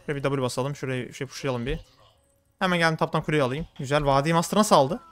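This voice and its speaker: A young man commenting on his own game as he plays, talking fast and getting worked up. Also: on the high side. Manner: rapid, excitable, swings into frustrated outbursts. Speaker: gaming streamer. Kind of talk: live gameplay commentary.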